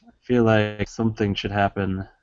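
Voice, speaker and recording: A man joining a casual video call as a guest, making dry, low-key remarks. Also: little pitch movement, moderate pace, smooth, no room sound, lo-fi sound. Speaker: guest, fellow cast member.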